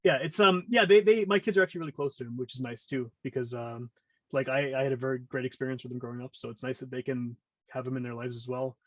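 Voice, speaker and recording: Talking fast in a medium-pitched voice, a roughly forty-year-old Canadian guest on a podcast keeps things casual, rambling and cutting himself off. The recording has no room sound.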